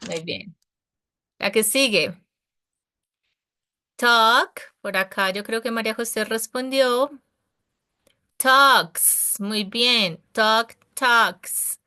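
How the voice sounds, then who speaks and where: A woman's voice: a little high, slow pace, pauses often, pushed and bright. A Spanish-speaking woman teaching an English class over a video call, patient and encouraging, explaining pronunciation step by step.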